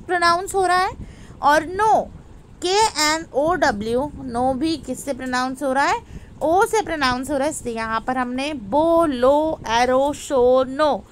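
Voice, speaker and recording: An Indian woman teaching a class in a bright, high voice. She speaks slowly and patiently, poses questions and answers them herself, over a faint background hum. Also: low-quality recording. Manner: slow and explanatory, repeating questions to students. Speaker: English teacher. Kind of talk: classroom lesson in Hindi-English mix.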